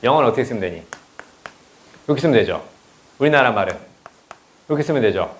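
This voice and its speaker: A man's voice: medium pitch, expressive, fast talker. A man teaching English in a casual lecture, chatty and blunt, often swearing and checking with students. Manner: chatty, blunt and profane, asks students "right?". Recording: roomy echo.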